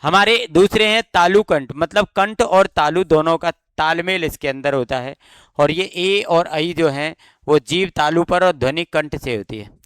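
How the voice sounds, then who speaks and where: Clear-voiced man teaching grammar. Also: fairly high pitch, a bit bright, no echo. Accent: Rajasthani Hindi. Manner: explanatory, asks and answers his own questions, drawn-out demonstration sounds. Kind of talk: exam-prep grammar lesson.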